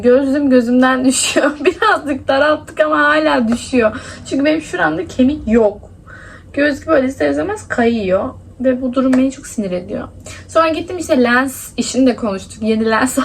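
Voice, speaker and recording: A woman's voice: high voice, creaky, slight background noise. A young woman from Adana chatting casually in a daily vlog, complaining and laughing as she goes. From Adana, Turkey. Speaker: vlogger. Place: indoors at home, then outdoors in hot streets.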